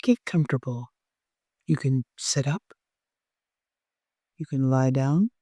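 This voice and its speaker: Soft, gentle and unhurried, a guide of indeterminate sex walks listeners through a meditation, leaving long pauses. The mid-range voice is captured at studio quality without any echo.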